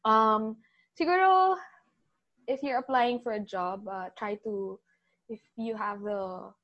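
A woman's voice: on the high side, takes it slowly, lo-fi sound. Chatty young Filipino woman. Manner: chatty, warm big-sister advice, trailing off softly. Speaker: interview guest, older sister. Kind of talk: casual interview mixing English and Tagalog.

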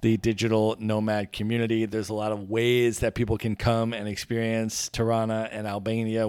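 A man hosting a podcast, asking thoughtful, measured questions. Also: fairly low pitch, no echo, studio quality. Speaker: podcast host.

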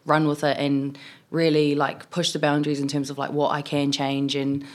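Her voice sits low and stays monotone at a moderate pace. She's a New Zealand woman in her twenties, a city councillor giving a casual, chatty podcast interview, with her accent clear and lots of "um" and "like" fillers.

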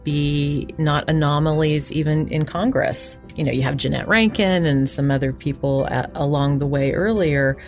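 Woman with a low voice chatting fast, soft music behind. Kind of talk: casual chat.

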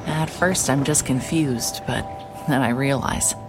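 An actress with a bass voice plays a wry, hard-hearted private investigator, narrating a noir audio drama dryly and deliberately. Her mood is brooding and observant, and music plays in the background.

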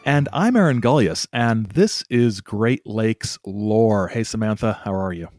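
Low-voiced man, wry podcast co-host. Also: animated, a little slow, music in the background. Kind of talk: casual chat with explanatory narration.

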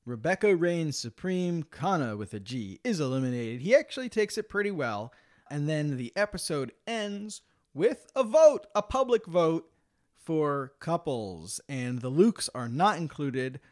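Guy hosting a podcast, chatting casually, pitch jumps around, kinda high voice. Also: sing-song, unhurried, a little mellow. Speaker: podcast host.

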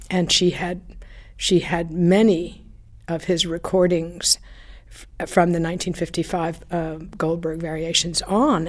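An older woman looks back on her radio days in an interview, telling chatty stories with fillers and quiet laughs; she used to be a radio broadcaster. She has a lowish, darkish voice.

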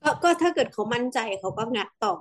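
Thai woman on a podcast, kinda high voice, laid back, short replies. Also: fast. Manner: relaxed, hesitant storytelling with short replies. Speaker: podcast co-host. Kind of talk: casual podcast chat.

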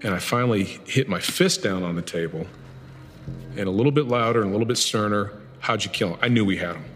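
A deep-voiced man recounts a tough interrogation, blunt and animated, and acts out the exchanges as he goes. His voice rings with a long reverb, and music plays clearly behind him. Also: fast talker. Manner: blunt, animated retelling with quoted dialogue. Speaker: FBI agent. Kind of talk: interview recollection.

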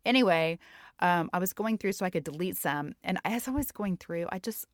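A woman's voice: on the low side, lively intonation, brisk, no echo, studio quality. A middle-aged woman hosting a faith-based health podcast, talking candidly and reflectively with casual fillers. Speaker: podcast host and health coach.

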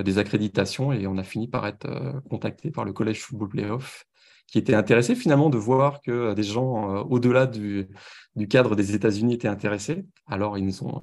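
A French man with a French accent, the founder of a sports website, appears as a guest in a casual podcast interview. He often repeats words while searching for the right ones. His voice is lowish with a darkish tone.

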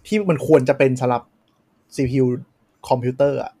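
A man's voice: medium pitch, fairly even intonation, brisk, warm tone. Man, casual chat, tech podcast co-host, long explanations, filler words. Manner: explains at length with many fillers.

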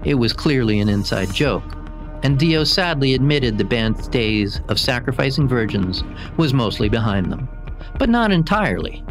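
A man reading a scripted music documentary narration in a measured, even way. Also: mid-range voice. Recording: music bed behind the voice.

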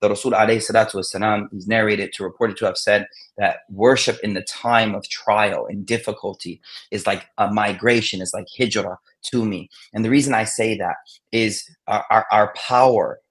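A man giving sermon-like final reflections on a panel, with halting restarts and recited Arabic verses. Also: fairly low pitch, steady tone, fairly bright tone. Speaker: speaker on a panel.

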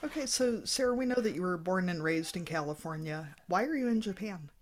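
A woman's voice: on the low side, animated, a little fast. Teasing woman podcast host. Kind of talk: casual interview chat.

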